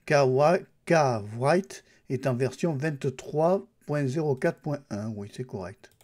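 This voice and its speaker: Here a YouTuber tests a Linux distribution, speaking slowly in a medium-pitched, animated, somewhat mellow voice. He tours the settings and apps in a casual screen recording, thinking aloud and talking directly to the viewer.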